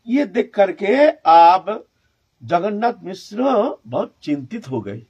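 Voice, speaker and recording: A male monk, delivering a devotional storytelling sermon in an emotive manner that swings from hushed to fervent. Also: high voice, big pitch swings, slow, husky, lo-fi sound. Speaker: monk preacher.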